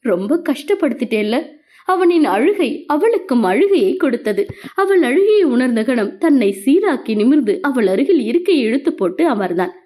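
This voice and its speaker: A woman narrating a romance audio novel with expressive, emotional storytelling. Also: high-pitched, normal speed.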